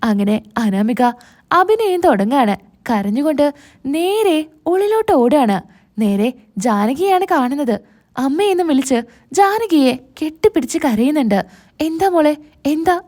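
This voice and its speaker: A woman's voice: high voice, big pitch swings, a little slow, darkish tone. A woman casually retelling a TV serial's episode, voicing the characters' lines as she goes. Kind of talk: casual storytelling narration.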